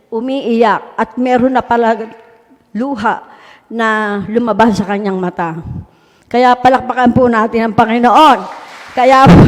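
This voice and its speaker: A woman's voice: sits high, darkish tone. A woman, a mayor, earnestly telling a personal testimony to an audience in a polite, respectful way. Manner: polite, earnest storytelling with frequent respectful particles. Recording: long hall reverb.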